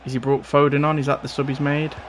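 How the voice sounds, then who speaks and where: A man's voice: a little high, quick pace, a crowd in the background. Man commentating his football game. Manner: casual running commentary, bursts of excitement at goals. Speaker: streamer playing a football game. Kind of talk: live gameplay commentary.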